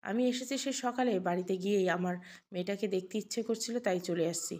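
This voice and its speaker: A woman's voice: mid-range voice, fast talker, a little mellow, lightly acted. A woman voicing an affectionate mother-in-law in an audio story, talking in a tender, motherly way.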